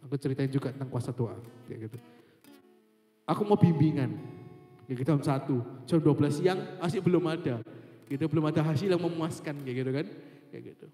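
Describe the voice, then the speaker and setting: A young man gives a relaxed devotional talk, chatty and informal. His voice is slightly high but mellow. It rings in a roomy church hall with a long echo, and soft guitar plays underneath. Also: a little fast. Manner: chatty, mixes in English phrases, repeats "kayak gitu". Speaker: youth devotional speaker. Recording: echoey hall with faint guitar.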